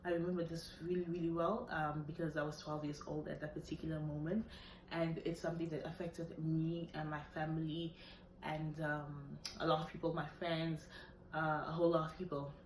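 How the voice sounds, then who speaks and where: A woman's voice: low-pitched, level tone, normal speed, darkish tone. A woman, talking earnestly to camera on her vlog, hesitant with many fillers. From South Africa. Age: 20s. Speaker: vlogger. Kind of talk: personal talk to camera. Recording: echoey room, faint background noise.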